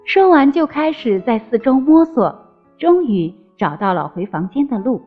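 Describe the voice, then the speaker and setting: A woman narrating a fairy tale in an expressive storytelling manner. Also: sits high, moderate pace, breathy edge. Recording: slightly dull with faint music.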